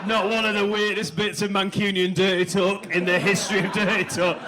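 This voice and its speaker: A man's voice: sits high, flat delivery, brisk. A man doing a conversational, sweary stand-up routine at a live comedy venue. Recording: very noisy live venue recording.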